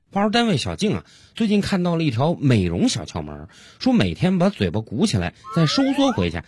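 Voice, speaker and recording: A man's voice: on the high side, husky. A man, animatedly narrating jokes as a radio comedy host. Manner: animated storyteller. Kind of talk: scripted joke narration.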